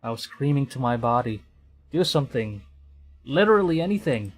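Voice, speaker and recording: A Filipino VTuber live-streams a game playthrough, reading text aloud and adding hesitant, stammering asides. His mid-range voice has a sing-song quality at a moderate pace, with game music playing behind him.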